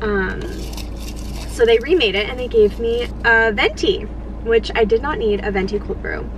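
A woman's voice: a little high, moderate pace, rough recording. Chatty young woman vlogging, road noise behind. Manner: chatty and excitable, lots of "like". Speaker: lifestyle vlogger. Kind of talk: casual vlog chat.

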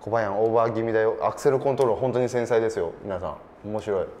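A man hosting a casual game stream, animated and laughing often, reading out viewer comments. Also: fairly low pitch, fast, slight background noise. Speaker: stream host.

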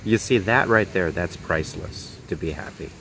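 Man in his 50s, travel vlogger, low voice, relaxed and chatty, phone at arm's length, noisy outdoor audio. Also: moderate pace. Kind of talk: casual vlog narration. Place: outdoor beachfront restaurant at night.

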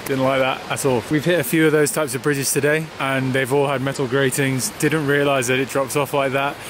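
A tired young man, a touring cyclist, chatting casually to his camera outdoors by a highway and laughing often. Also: level tone, brisk, background noise. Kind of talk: casual video diary.

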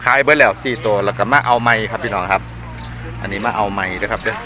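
A man's voice: lowish voice, fast. Isan man hyping a noisy cattle market. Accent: Thai Isan. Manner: hype live-seller patter, repeating prices and phrases to viewers. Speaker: host of livestock market livestream. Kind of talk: live on-the-spot market commentary and casual interviewing. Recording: clear outdoor market noise, animals and vehicles.

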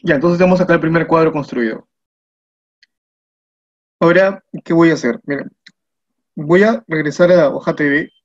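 A man's voice: fairly high pitch, moderate pace, long pauses. A man with a Peruvian Spanish accent teaching a spreadsheet class as a screen tutorial, patiently talking through each step and often checking in with his viewers. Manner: patient step-by-step explaining, asks "¿no?" and "mira" often. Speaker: spreadsheet instructor. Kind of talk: screen-recorded software tutorial. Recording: muffled lo-fi voice recording.

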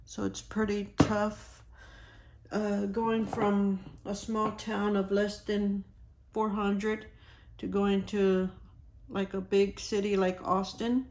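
A hoarse woman speaks softly, close to a whisper, in an unhurried, gravelly voice. She chats at a slow pace while she picks out stickers for her planner. There is a faint hiss of noise under her voice. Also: medium pitch, flat delivery. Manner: quiet, near-whispered, talks while sorting stickers. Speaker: planner vlogger. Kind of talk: soft-spoken planner decorating chat.

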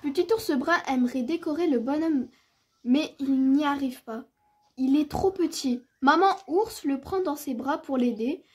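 A woman reading a picture book aloud for children, clear and expressive, as the storyteller. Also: high voice.

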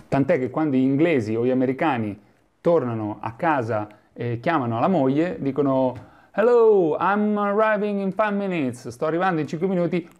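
A man from Italy giving a lively video lesson as an English teacher, demonstrating sounds and chuckling often. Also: medium pitch.

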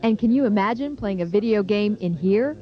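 A woman's voice: medium pitch, lively intonation, brisk. Woman reporter on old broadcast tape. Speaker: TV news reporter. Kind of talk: scripted news voice-over. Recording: muffled early-90s broadcast tape.

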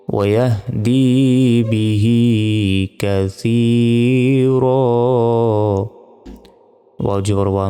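A man with a Bangladeshi Bengali accent teaches Quran reading, spelling out letters and vowel marks syllable by syllable in an unhurried, even way. His voice is low, mellow and smooth. It rings with a long hall reverb over faint background music.

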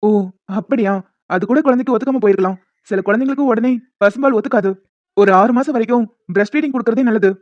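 A woman voicing the husbands, brothers and a doctor in an animated family story, with brisk, reassuring delivery. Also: on the high side, dry recording, lightly acted. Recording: dry, dull lo-fi home mic.

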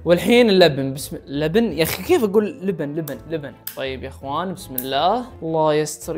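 A young man, chatting casually and jokily as he tries out food recipes on camera, with animated exclamations. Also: fairly high pitch. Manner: animated, jokey, exclaims while tasting. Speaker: food challenge YouTuber. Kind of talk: casual vlog chat.

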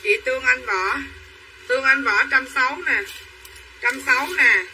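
Her high-pitched, sharp voice moves at a moderate pace as this online clothing seller chatters through a repetitive hard sell, calling out buyers by name. The recording is rough and distant, with faint room noise.

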